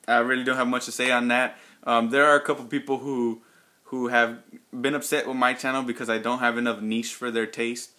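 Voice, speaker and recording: Bright-voiced Texan man rambling through a vlog. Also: mid-range voice, level tone, a little fast. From Texas. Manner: rambling, many ums and restarts. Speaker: fragrance reviewer. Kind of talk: casual unscripted vlog response.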